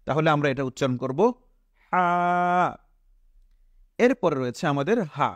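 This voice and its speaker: A man with a Bangladeshi Bengali accent, teaching Quran letter pronunciation step by step, asking questions and answering them himself and drawing out each sound slowly. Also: mid-range voice, animated, no room sound. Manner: slow, patient, repeats each letter sound drawn out.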